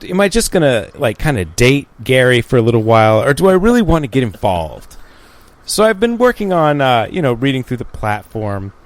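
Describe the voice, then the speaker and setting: A man on a podcast chats in a wry, halting way, full of fillers and restarts. His pitch moves in lively swings up and down. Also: no echo. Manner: hesitant with many fillers, wry. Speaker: podcast co-host. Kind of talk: casual chat and reading aloud.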